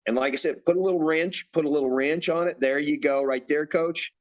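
A man's voice: a little high, a little fast, lo-fi sound. A man coaching a bodybuilder through posing routines, giving directions and repeating his cues. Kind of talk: instructional demonstration.

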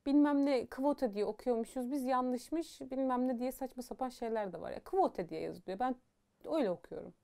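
A young woman chats through a book review in a casual, animated way, opinionated and blunt, her voice soft and warm in tone. She leans on fillers and asides as she goes. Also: sits high, a little fast, vocal fry.

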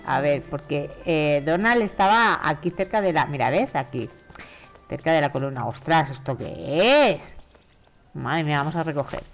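A woman's voice: sits low, expressive, moderate pace. Woman streamer, Spain Spanish accent, casual chatty game commentary, faint music behind. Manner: chatty, exclamatory, talks to characters. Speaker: gaming streamer.

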